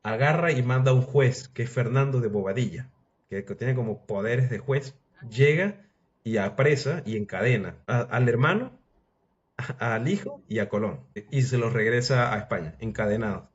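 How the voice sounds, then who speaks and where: A man retells history in a casual, chatty style, slipping into quoted voices as he goes. His voice sits at an ordinary mid pitch. The sound is dull and lo-fi. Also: lively intonation, normal speed. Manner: loose, chatty, acts out quotes. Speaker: history storyteller.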